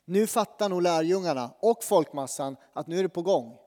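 A man's voice: high voice, lively intonation, darkish tone, in a large hall. A man preaching a sermon and praying, earnest and conversational, with fillers and restarts. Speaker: pastor. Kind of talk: sermon with prayer.

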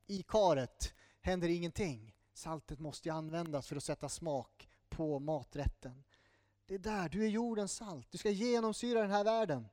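A male pastor preaching a sermon in a church in a lively way, breaking off for quick asides and apologies. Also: high-pitched, no echo, clean studio sound.

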